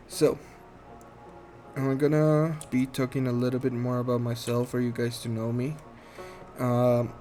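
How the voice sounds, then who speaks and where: A Guatemalan gaming channel host in his thirties introduces himself casually in English while playing a game, his Guatemalan Spanish accent clear. Shy, soft-spoken and earnest, he halts often with ums and restarts, his voice at medium pitch.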